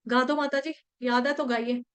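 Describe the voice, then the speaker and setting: A woman teaching a devotional scripture class, explaining in Hindi mixed with English and chanting Sanskrit verses slowly. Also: high voice, steady tone, a bit bright, clean tone.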